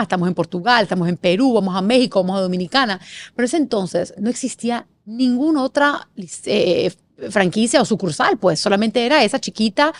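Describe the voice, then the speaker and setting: Middle-aged woman from panama, interview guest, animated storytelling, lots of quick lists, normal pitch. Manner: expressive, animated, lists things in rapid series.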